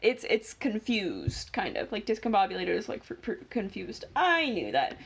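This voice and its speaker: A woman's voice: medium pitch, huge pitch swings, normal speed, creaky, breathy edge. A teenage girl co-hosting a podcast in casual chat, rambling, correcting herself mid-sentence and joking. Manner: rambling, self-correcting, jokey. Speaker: podcast co-host.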